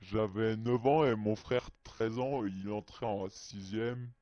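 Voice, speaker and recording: Slow and on the low side, a man's voice-changed speech tells a personal story in halting, hesitant, childlike fashion. The lo-fi recording is dry and muffled, with no room sound.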